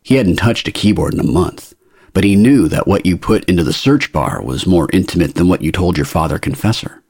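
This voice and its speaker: Low husky guy reading a novel, wry tone, dry close mic. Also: lively intonation, brisk, darkish tone, no room sound. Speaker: audiobook narrator. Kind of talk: scripted narration.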